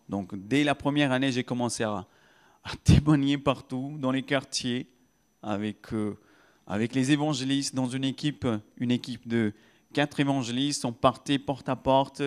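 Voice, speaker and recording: A man's voice: medium pitch, smooth. A man, preaching a testimony with many restarts that build into fervent peaks. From Pakistan. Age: 30s. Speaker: guest preacher. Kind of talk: sermon testimony.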